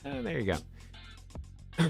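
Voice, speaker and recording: Taking it slowly, a man in his thirties chats with viewers on a game livestream, his slightly high voice swooping wildly in pitch and marked by vocal fry. He rambles and jokes at his own expense while soft music plays behind him.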